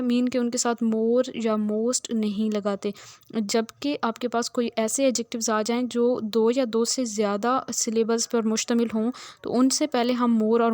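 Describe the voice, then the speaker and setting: A woman's voice: on the high side, a little mellow, dry recording. A woman teacher giving a recorded grammar lecture, explaining patiently step by step and checking in often with her students. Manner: patient, explains step by step with frequent "theek hai" check-ins.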